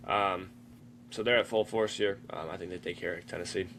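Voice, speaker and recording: A man's voice: sits low, steady tone, a little fast, fairly bright tone, a little hiss or hum. A young man co-hosting a casual sports podcast, laid-back and teasing, with lots of ums and likes. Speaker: podcast co-host.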